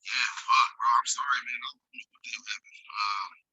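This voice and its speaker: A man chatting casually on a voice call, his sound thin and tinny as if through a tin can, halting and full of restarts. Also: medium pitch, fairly even intonation. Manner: halting, restarts a lot, slangy. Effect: tinny, like talking through a tin can. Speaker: guest on a live stream. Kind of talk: casual chat over a voice call. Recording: tinny, hissy call audio.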